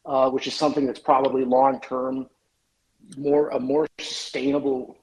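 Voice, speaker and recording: A man from the US West Coast calling in to a discussion, giving a measured, thoughtful comment. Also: mid-range voice, level tone, a little mellow, low-quality recording. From west coast of the United States. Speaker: caller. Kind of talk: casual call-in comment.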